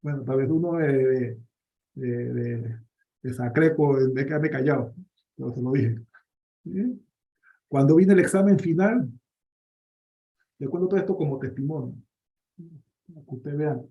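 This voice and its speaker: A priest from Panama, giving a personal faith testimony in a lively storytelling manner, with many restarts. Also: male voice, medium pitch, measured pace, pauses often. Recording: dull lo-fi recording.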